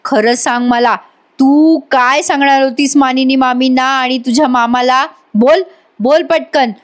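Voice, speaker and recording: Villainous middle-aged aunt, voiced by a woman narrator: domineering, menacing, a little high-pitched. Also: steady tone, unhurried. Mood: threatening. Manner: menacing, bullying.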